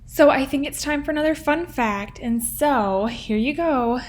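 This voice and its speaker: A young woman with a high-pitched, slightly slow voice hosts a casual drawing lesson, walking through it step by step. She's chatty and playful, filling her speech with plenty of "like" and "um."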